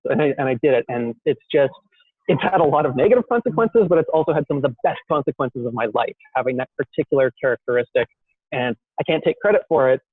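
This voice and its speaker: A man's voice: mid-range voice, animated, quick pace, breathy edge. A young man tells his own story to an interviewer, circling back on himself with ums and restarts and poking fun at himself. His voice sits in an ordinary middle register. It comes through a thin, phone-like line with no room echo at all. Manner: self-deprecating, rambling with many fillers and restarts. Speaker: guest entrepreneur. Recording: dry, tinny phone-like call audio.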